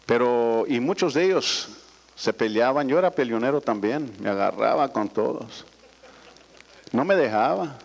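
An older man addressing business associates tells a rambling, folksy personal story, frequently tagging his lines with "¿verdad?". His gravelly, medium-pitched voice has lively intonation and a moderate pace, and the room adds a long hall reverb.

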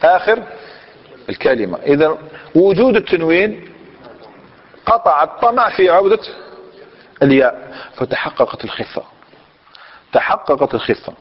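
A man's voice: a little high, very animated, moderate pace, long pauses, slightly rough. A man teaching a grammar lesson, questioning his class and repeating their answers. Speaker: Islamic scholar teaching Arabic grammar. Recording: dull lo-fi recording in a reverberant hall.

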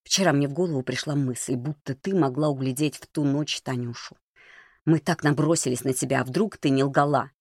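A man reading a storybook plays a cold, mocking young man who speaks in a low, measured way. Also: no echo, studio quality, natural voice.

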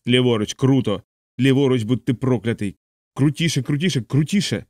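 A man's voice: medium pitch, brisk, a little mellow, no room sound, studio quality, natural voice. A man voicing a panicked, desperate male bombardier, pleading hysterically.

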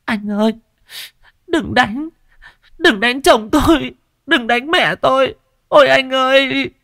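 A man voicing a grieving young pregnant widow who pleads in a wailing, breathy, delirious way. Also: very high-pitched, slow pace, sharp tone, no echo, clean studio sound, voice pushed up, full character voice. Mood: frantic begging.

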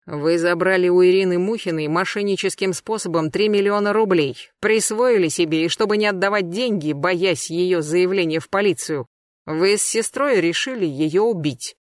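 A reader voicing a cold, persistent male police colonel, cutting and deliberately calm. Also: mid-range voice, no echo, studio quality, lightly acted. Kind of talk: audiobook character voice.

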